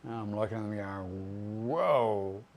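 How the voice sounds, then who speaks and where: Aussie guy in his 50s rambling thru a story, casual and sweary, mid-pitched ordinary voice. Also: moderate pace, slight background noise. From Australia. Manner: laid-back, profane, conversational with fillers. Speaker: tattoo artist storyteller.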